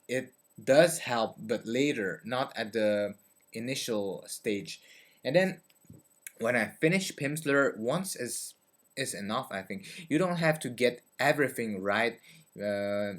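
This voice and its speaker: In a dim bedroom, a young French-speaking vlogger from Belgium talks into his desk webcam about learning languages. He sounds animated yet slow at medium pitch, gesturing with his hands, hesitant and prone to fillers and restarts.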